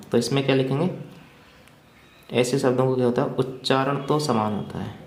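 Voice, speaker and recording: A man's voice: mid-range voice, roomy sound, a little hiss or hum. A male teacher giving an exam-prep grammar lesson, asking questions and answering them himself, with lots of repetition while he writes out examples.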